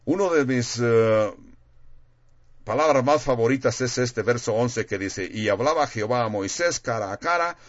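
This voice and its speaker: A man's voice: medium pitch, animated, moderate pace, lo-fi sound. A man preaching a sermon in a plain, conversational way, reading scripture aloud and explaining it.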